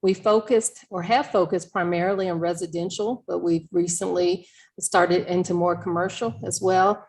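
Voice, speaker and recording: A woman broker with a somewhat low voice talks about her real estate firm on a panel. She sounds friendly and energetic. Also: normal speed. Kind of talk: panel introduction.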